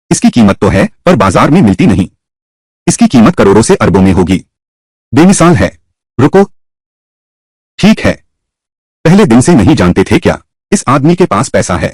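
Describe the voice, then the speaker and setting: A man voicing all the characters of a drama by himself, switching pitch between roles. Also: darkish tone, slightly rough, dry recording. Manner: voices every character himself with shifting pitch. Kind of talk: single-voice dub of a drama.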